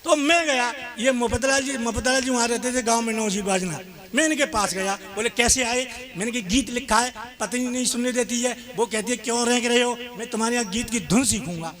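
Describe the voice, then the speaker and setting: Man, very high voice, comic stage poet, sing-song recital, crowd noise behind. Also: brisk, hardly any pauses. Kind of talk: stage comedy poem recital. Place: outdoor poetry stage with a live crowd.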